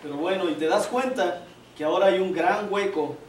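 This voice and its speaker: A high-pitched man delivers a sermon in a relaxed, joking way, checking in with his listeners as he goes. He sounds distant and echoey in the room, with a faint murmur of ambience behind him. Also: normal speed, a little hiss or hum. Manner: conversational, joking, asks "¿verdad?" often. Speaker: preacher.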